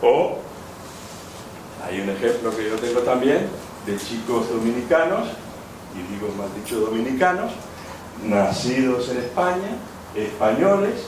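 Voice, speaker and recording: Speaking in a sing-song, unhurried way with long pauses, a man with a mid-range voice delivers an academic lecture. He wanders, keeps rewording himself, and fills gaps with lots of "eh." Echo from the hall, a distant mic and background noise color the audio.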